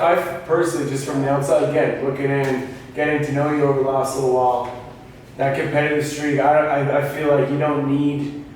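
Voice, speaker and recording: A man sharing his thoughts in a meandering way, searching for words, during a casual chat over pool. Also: medium pitch. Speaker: interviewer. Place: indoors at a pool table. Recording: echoey room, distant mic, faint background noise.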